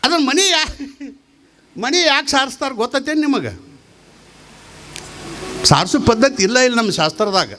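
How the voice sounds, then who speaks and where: A man's voice: extremely high pitch, normal speed, pauses often, slight background noise. A man with a North Karnataka Kannada accent giving a humorous spiritual discourse, telling stories and firing rhetorical questions. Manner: animated storytelling with rhetorical questions. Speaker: spiritual teacher.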